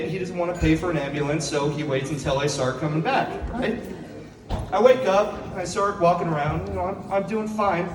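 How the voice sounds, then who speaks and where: A young man performing a stand-up set on a coffee shop stage, telling self-deprecating stories and laughing at his own jokes. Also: high voice. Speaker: stand-up comedian. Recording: echoey coffee shop from far off. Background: audience laughing.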